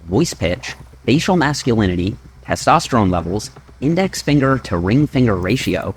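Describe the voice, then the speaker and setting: Lively, low-voiced man narrating an explainer. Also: slight background noise. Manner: measured, data-driven, lively delivery. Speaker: fitness educator narrator.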